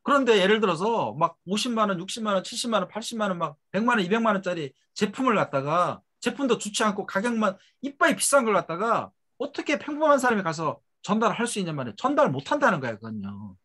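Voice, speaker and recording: Lecturing at a network marketing motivational seminar, this middle-aged man is very animated and talks fast with few pauses. He hammers points home with rhetorical questions, while tag phrases drop away low and soft.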